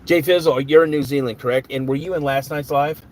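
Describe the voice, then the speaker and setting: A man's voice: fairly high pitch, fairly even intonation, fairly quick. A man hosting a live stream in a casual, chatty way, greeting viewers by name and answering their comments.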